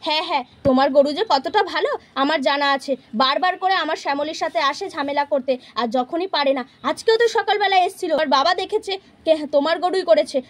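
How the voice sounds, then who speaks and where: A woman's voice: high-pitched, quick pace, close to an everyday voice. A woman voicing a stern village mother in a toy-house puppet play, scolding her neighbour insistently. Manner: scolding, insistent, repeats words.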